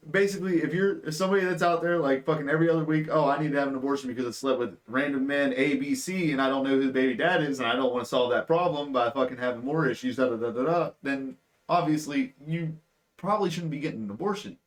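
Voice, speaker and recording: A man's voice: mid-range voice, quick pace. Swearing, rambling man in his twenties. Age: 20s. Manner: rambling, swears often, many fillers. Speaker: podcast co-host. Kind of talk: casual chat.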